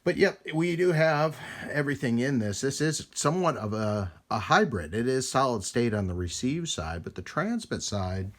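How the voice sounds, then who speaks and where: A man with a mid-range voice narrates a casual, hands-on vlog demonstrating vintage radio gear. His delivery is very animated and runs at a normal speed with hardly any pauses, though his folksy, rambling talk still carries hesitations as he works.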